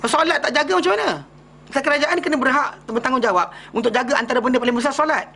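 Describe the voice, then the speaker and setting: A man's voice: very high-pitched, rapid-fire, sharp tone, a little hiss or hum. A man with a Malaysian Malay accent, giving a conversational hadith class lecture as religious teacher, full of rhetorical questions and retold anecdotes.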